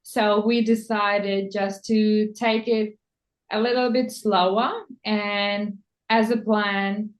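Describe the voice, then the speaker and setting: A woman from the Czech Republic, a native Czech speaker, talking slowly as a personal stylist in an interview, searching for words in English. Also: mid-range voice, level tone. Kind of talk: conversational interview. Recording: echoey room.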